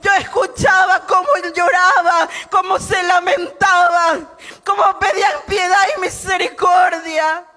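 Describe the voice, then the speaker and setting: Woman, church testimony, fervent shouted preaching, slow and bright-edged. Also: extremely high pitch, steady tone, soft background music. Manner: shouting fervently, addresses listeners as brother.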